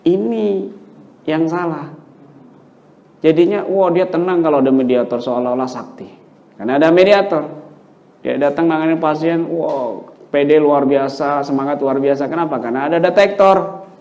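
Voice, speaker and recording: A man's voice: a little high, moderate pace, darkish tone, highs cut off. A man, an Islamic cleric answering questions in a casual lecture full of rhetorical questions. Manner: colloquial, rhetorical questions, emphatic repetition. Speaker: Islamic cleric teaching ruqyah. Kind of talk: religious Q&A lecture.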